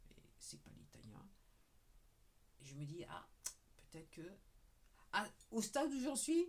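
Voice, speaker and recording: A deep-voiced woman, a video creator, gives a rambling, casual talking-head monologue aimed right at her viewers. She repeats "ok" frequently and sometimes murmurs, and there is slight background noise.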